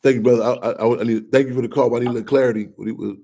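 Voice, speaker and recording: A man speaking as an activist guest on a radio talk show, passionate and quick, often repeating and restarting his phrases. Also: mid-range voice, fairly even intonation, gravelly, mellow.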